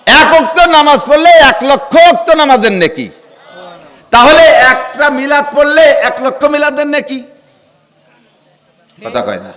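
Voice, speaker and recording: A male preacher gives a humorous sermon, teasing his listeners with rhetorical questions and sometimes rising to a shout. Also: very high voice, long reverb tail.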